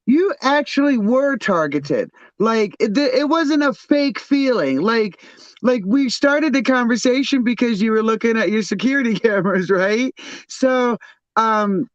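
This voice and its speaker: An earnest man co-hosts a casual chat, his voice high and full of "like"s. He comes through dry, dull online call audio. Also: no echo. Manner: earnest, talks with many "like"s. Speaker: co-host.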